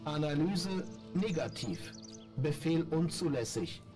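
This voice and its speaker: An actor voicing a malfunctioning male robot companion that reports system errors in clipped, flat phrases, with game music behind. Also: a little high, slow. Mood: mechanical. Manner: clipped, flat machine reports in single words. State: glitching, malfunctioning. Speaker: game character.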